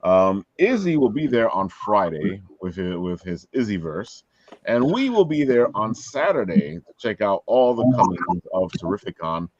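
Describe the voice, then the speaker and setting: A man with a Brooklyn accent chats casually as a show host. His pitch moves around in an animated way, and the sound is a little muffled. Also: moderate pace. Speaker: host of a comics and convention talk show. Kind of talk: casual chat.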